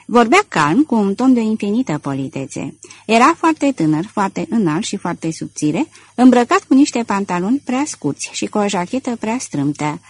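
A woman narrating an audiobook in a measured storytelling manner. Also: medium pitch, sing-song, a little mellow, slightly rough, dry recording. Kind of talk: scripted narration.

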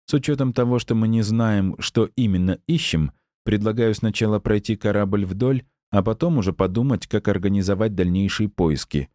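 A man voicing a cautious male squad member who plans the search calmly and deliberately, in an audiobook. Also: fairly low pitch, no room sound, studio quality, pitched above the performer's own voice, close to an everyday voice. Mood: calm, reasoning.

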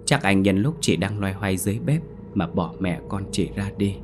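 A man narrating a scripted ghost story in a steady, solemn reading. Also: deep voice, normal speed, over music.

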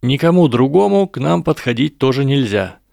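A man's voice: mid-range voice, big pitch swings, moderate pace, vocal fry, warm tone, dry recording, clean studio sound, voice pushed up. A man doing a clever, persuasive boy wizard. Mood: announcing.

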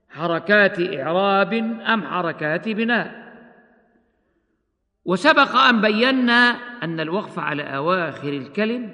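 A man teaching the rules of Quran recitation, explaining each rule and then slowly chanting the examples. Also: high voice, pushed and bright, in a large hall. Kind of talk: tajweed lesson with chanted examples.

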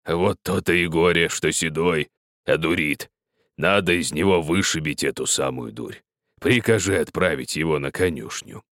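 A man voicing a pious old peasant miner who speaks slowly and gravely, preaching and pleading in an older man's voice. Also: very deep voice, fairly bright tone, no room sound, clean studio sound, voice pushed down. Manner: slow, grave, moralizing.

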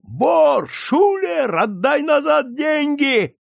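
A man shouting as a raging gambler roaring accusations. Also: very high voice, big pitch swings, very slow, gravelly, dry recording, studio quality, voice pushed up, heavily acted. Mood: furious roaring. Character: brawling male gambler, furious accuser.

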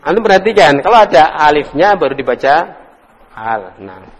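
A man's voice: fairly high pitch, big pitch swings, moderate pace. A man teaching an Arabic class, calling on students by name and drilling words in a casual manner. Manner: drills students, calls on them by name, chuckles. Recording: echoey hall.

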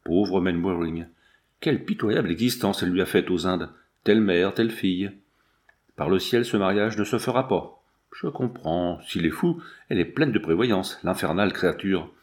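A man's voice: sits low, normal speed, a little mellow, pitched below the performer's own voice, natural voice. A man voicing a stern, worried old general in an audiobook, agitated and severe. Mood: troubled.

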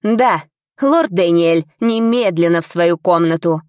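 A snide, grumbling little bald tutor with a sneer in every line, as a woman reading the story puts him on. The voice sits fairly low for a woman, recorded close and dry with no room sound. It is an audiobook character reading. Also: measured pace, darkish tone, no echo, close to an everyday voice. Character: rude petty little bald male tutor.

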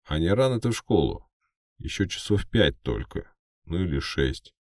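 A man's voice: low-pitched, sing-song, moderate pace, dry recording, studio quality, pitched above the performer's own voice. A man voicing a wry young guy, casual and questioning, in a fantasy audiobook. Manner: casual, questioning, slightly taken aback.

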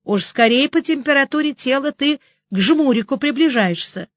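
A woman voicing a gruff, joking male police officer in an audiobook, grumbling and mocking. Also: sits high, expressive, moderate pace, dry recording, lo-fi sound, pitched above the performer's own voice.

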